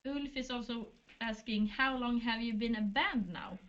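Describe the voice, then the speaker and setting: A woman's voice: a little high, normal speed, a bit bright. Chatty woman, lo-fi stream. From Sweden. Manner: chatty, hesitant, laughs often. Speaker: band member hosting livestream Q&A. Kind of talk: casual livestream chat.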